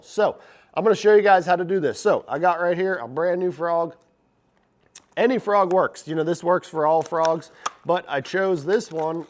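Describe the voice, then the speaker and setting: A man hosting a fishing channel, talking to viewers in a casual, upbeat way. His voice is raspy and stuffed up from congestion. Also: on the high side, a little mellow. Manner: upbeat, chatty, talks straight to viewers. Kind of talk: casual instructional vlog.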